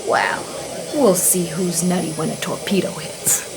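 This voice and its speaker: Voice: medium pitch, fairly even intonation, unhurried, natural voice. An actor playing a fussy, worried army sergeant with a folksy, complaining way of talking in an audio drama. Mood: grumbling, anxious. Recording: clear hissing noise behind.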